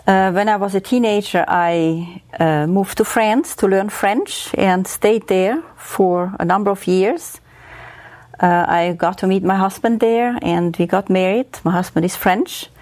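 A woman's voice: mid-range voice, a little slow, darkish tone, dry recording. A woman from Switzerland whose first language is German, speaking as a music professor in a radio interview, thoughtful and full of hesitations.

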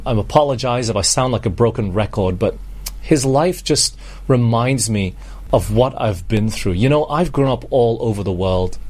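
A middle-aged man from Malaysia preaching a sermon, earnest, slowing down on scripture and asking the congregation rhetorical questions. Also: fairly low pitch, a little mellow. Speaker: pastor.

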